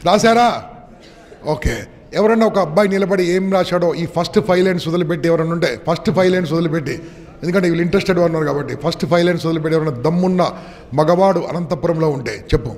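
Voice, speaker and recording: Brief: high-pitched male motivational speaker, commanding and rousing, long hall reverb. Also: racing, darkish tone. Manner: commanding, rousing, mixing English into Telugu. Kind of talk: motivational seminar talk to students.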